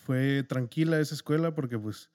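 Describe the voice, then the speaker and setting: A young man with a Mexican Spanish accent and a mid-pitched voice. He co-hosts a podcast and tells school stories at an easy pace. He laughs as he recounts them. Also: moderate pace. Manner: relaxed, laughs while recounting. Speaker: podcast co-host. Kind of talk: casual storytelling chat.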